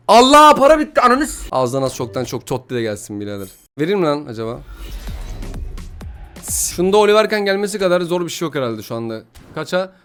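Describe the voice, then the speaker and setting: A young man with a high, lively voice talks fast over gameplay. He begs, grumbles and complains about his luck, and his tone is bright. Music plays faintly behind him. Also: clean tone. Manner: swings from pleading to loud frustration. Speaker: gaming YouTuber opening player packs. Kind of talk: excited gameplay commentary.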